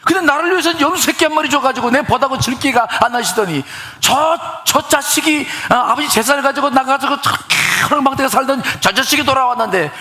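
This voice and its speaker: An outraged, resentful older brother, as a preacher acts him out in a sermon, his voice pitched up high and strained. He fires off exasperated, shouted complaints in quick bursts. The voice rings bright and pushed. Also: echoey room. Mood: shouting angrily. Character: resentful indignant elder brother, adult man.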